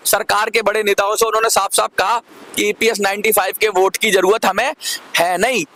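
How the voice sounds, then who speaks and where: In a direct-to-camera commentary, a man with a high-sitting, fairly bright voice hosts his channel and makes his argument to viewers. He's persuasive, repeating points for emphasis and asking people to leave comments.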